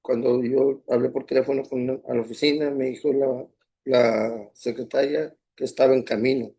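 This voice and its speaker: Gravelly, husky man testifying, native Spanish speaker. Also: mid-range voice, steady tone, brisk, dark tone. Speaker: defendant testifying. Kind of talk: courtroom testimony through an interpreter.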